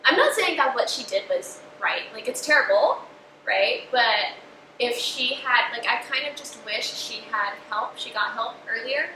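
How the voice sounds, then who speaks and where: Young woman host, high bright voice, chatty while eating, roomy distant sound with faint noise. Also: lively intonation, unhurried. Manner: chatty, with frequent "like" and "you know"; talks with mouth full while eating. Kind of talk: casual chat while eating.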